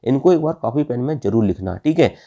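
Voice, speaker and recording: A man leads an exam-prep grammar lesson in a warm, mellow tone. He keeps asking "what is it called?" and answers it himself. He repeats each key term so it sticks. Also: medium pitch, lively intonation, brisk, lo-fi sound. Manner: asks the class questions and answers them himself, addressing "friends"; repeats key terms for emphasis. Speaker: Hindi grammar teacher.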